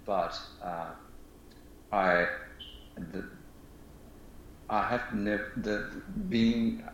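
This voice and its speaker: A man's voice: fairly low pitch, very slow, fairly bright tone, roomy sound, lo-fi sound, slight background noise. A man from Burma with a Burmese accent, asking a meditation teacher questions hesitantly, with many restarts and "uh". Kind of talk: casual conversation.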